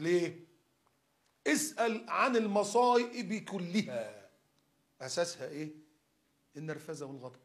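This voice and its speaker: A man in his fifties preaching in a casual way with an Egyptian accent. He talks quickly, with a somewhat high voice. He acts out everyday scenes and keeps asking his listeners rhetorical questions. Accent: Egyptian Arabic. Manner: animated, acts out examples, asks rhetorical questions. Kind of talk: casual colloquial religious talk.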